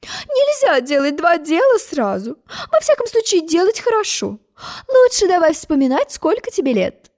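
A woman's voice: very animated, moderate pace, darkish tone, exaggerated voice. A woman voicing a fussy, tearful old queen who shrieks and wails. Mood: coaxing. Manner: wails and shrieks in a high, shrill voice.

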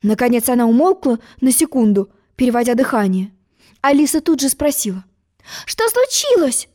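A woman narrating a children's story in an expressive, lively way. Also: fairly high pitch, a little fast. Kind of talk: storybook reading.

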